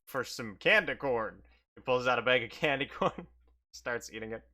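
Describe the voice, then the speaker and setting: A woman's voice: rumbling low, animated, normal speed, pushed and bright. A woman improvising narration as game master of a tabletop role-playing game.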